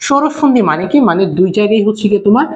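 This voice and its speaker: A young man from Bangladesh teaching an online class, repeating his points and firing quick questions at his viewers. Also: high-pitched, animated, a little mellow. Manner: fast, repetitive, calls out questions to viewers. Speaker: online tutor. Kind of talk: live-streamed class lecture. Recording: dull lo-fi stream audio.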